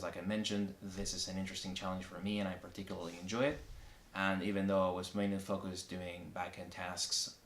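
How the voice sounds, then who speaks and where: A man from Argentina explaining his engineering work in a measured, step-by-step way, with some restarts. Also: deep voice, a bit bright. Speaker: backend engineer. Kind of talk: solo recorded interview. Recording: echoey room.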